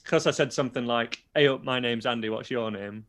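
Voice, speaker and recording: This guitar teacher and online video creator, a young Yorkshireman whose accent has been toned down, talks a little quickly with a fairly bright, medium-pitched voice. In a relaxed interview he lays things out simply, frequently starting his thoughts over.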